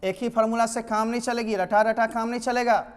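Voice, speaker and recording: A man teaching a spoken English lesson online, energetic and emphatic as he drills pronunciation out loud. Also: very high-pitched, fairly quick, clear, resonant tone, long reverb tail.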